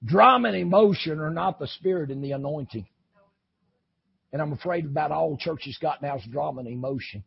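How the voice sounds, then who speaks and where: A man preaching an impassioned sermon, swinging from shouting to low, intense talk. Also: brisk, vocal fry, breathy edge, dull audio. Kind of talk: fiery sermon.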